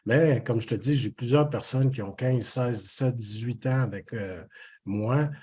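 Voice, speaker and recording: An older man with a Québécois French accent speaks as an interview guest, his husky voice sitting at an ordinary middle pitch. He talks earnestly and reflectively, circling back on phrases and leaning on fillers as he thinks. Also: unhurried, darkish tone. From Haiti. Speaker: business owner guest. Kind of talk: casual interview conversation.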